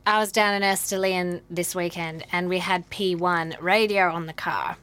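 A woman's voice: on the low side, normal speed, faint music behind. A woman telling stories in a casual chat, swearing freely and laughing with a wheezy laugh. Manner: lively storyteller, swears casually.

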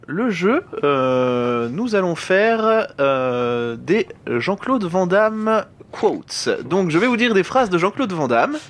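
A man's voice: sits high, very animated, takes it slowly, few pauses. A man co-hosting a casual podcast, running a quiz with many hesitant fillers.

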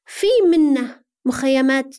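A Syrian woman speaks in a high-pitched voice as she answers in an interview. Her delivery is conversational and earnest, laying out explanations and posing rhetorical questions as she goes. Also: steady tone, a little slow, a little mellow. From Syria, Aleppo. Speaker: interview guest.

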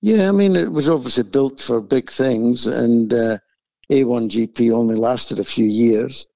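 A man with a croaky frog voice from the flu, talking in an easygoing, informal way as an interview guest. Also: medium pitch, measured pace, mellow, no echo. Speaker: race track owner, interview guest. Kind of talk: casual interview. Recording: muffled, dull lo-fi sound.

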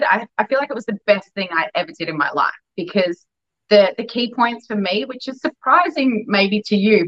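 A woman's voice: medium pitch, fairly bright tone, dull audio. A woman talking casually as an interview guest. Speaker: interview guest, fashion stylist.

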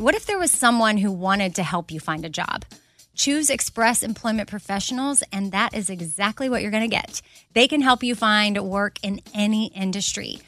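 A woman's voice: mid-range voice, no room sound. A woman, hosting a podcast in an upbeat, chatty way and reading ads. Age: 40s. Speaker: podcast host. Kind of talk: casual chat and read ads.

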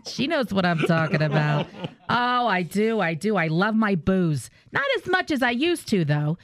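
A woman's voice: medium pitch, big pitch swings, moderate pace, no room sound. A woman telling stand-up jokes as a radio comedy guest, brassy and laughing at her own punchlines.

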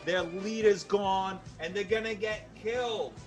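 A man's voice: high voice, fairly even intonation, unhurried, over loud music. A man co-hosting a comedy sports show, arguing his team's case with mock-bold, over-the-top fan bravado. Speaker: co-host. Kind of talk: comedic sports radio banter.

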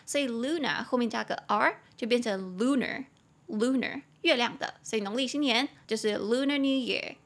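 A woman's voice: fairly high pitch, a bit bright. Chatty young Taiwanese woman teaching English. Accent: Taiwanese Mandarin. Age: 20s. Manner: chatty, explains words slowly and repeats them. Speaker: English teacher podcast host. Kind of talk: casual podcast English lesson.

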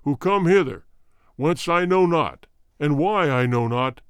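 A man reading as a booming one-eyed tyrant king. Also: animated, clean tone, dry recording, studio quality. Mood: cold, stately. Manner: booming, menacing, slow commands.

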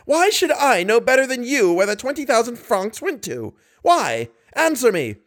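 A man's voice: very high-pitched, very animated, moderate pace, a bit bright, pitched above the performer's own voice, full character voice. A man voicing a blustering, furious theatre manager who roars and swaggers. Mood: roaring. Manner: roaring, swaggering.

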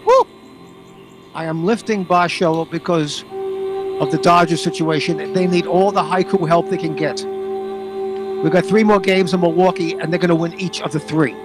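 A man's voice: high-pitched, lively intonation, normal speed, over music. A man with a Brooklyn accent bantering as a sports talk host, speaking in emphatic, short, punchy phrases. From New York, USA.

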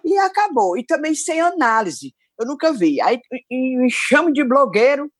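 An older woman speaks with a Ceará accent and a voice that swings widely in pitch. Her tone is slightly husky, and the sound is close and dry with no room in it. She chats casually, teasing herself and leaning hard into her intonation. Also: normal speed, no room sound. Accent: Ceará, Brazil. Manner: animated, expressive intonation, playful self-mockery. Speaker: podcast guest, journalist. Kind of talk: casual chat.

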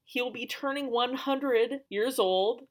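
A woman podcast host tells a story in conversational, scripted narration, her voice on the high side and her pace slow. She uses emphatic, dramatic phrasing and slips in chatty asides.

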